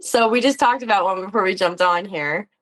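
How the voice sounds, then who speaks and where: On a low-quality recording, a woman with a medium-pitched, slightly bright voice speaks fairly quickly. She's a guest who plays and acts on a tabletop game show, and her casual, reflective chat is giggly and full of laughter.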